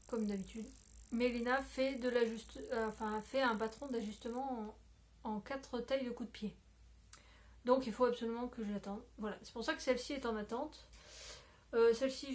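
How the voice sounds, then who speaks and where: A woman talking casually to her phone camera at home as a knitting podcaster, rambling with many fillers and self-corrections. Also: fairly high pitch. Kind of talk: casual video chat. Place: at home, indoors.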